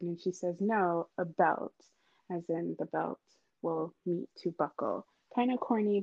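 An earnest woman from Haiti speaks as a podcast guest, her voice sitting a little low and sounding close and dry. She talks casually and pauses often to find her words. The sound is slightly muffled and lo-fi. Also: dry recording. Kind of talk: casual spoken introduction.

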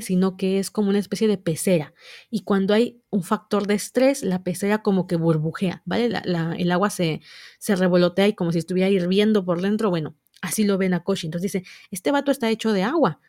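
A woman's voice: mid-range voice, steady tone, a little fast, dark tone, dry recording, clean studio sound. A woman casually recapping a manga, chatty and explanatory, often checking in with the listener. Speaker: manga reviewer.

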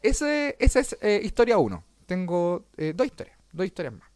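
A Chilean comedian and podcast host telling stories in a casual, swearing, laugh-filled chat. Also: male voice, high voice, normal speed, clean tone, no room sound. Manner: swearing, animated, laughs often.

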